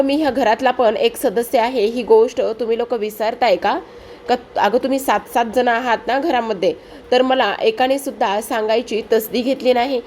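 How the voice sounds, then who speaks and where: A woman's voice: on the high side, a little mellow, a little hiss or hum, pitched above the performer's own voice, close to an everyday voice. A woman voicing an angry middle-aged father-in-law who scolds his wife with indignant questions.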